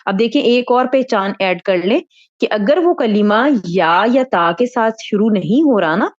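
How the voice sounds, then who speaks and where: A patient woman teacher walks through a grammar lesson one step at a time. She keeps checking in with her students as she goes. Her voice sits at an ordinary pitch and is recorded close and dry, with a slightly muffled, lo-fi edge. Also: lively intonation, no echo. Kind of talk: Quran grammar lesson in Urdu.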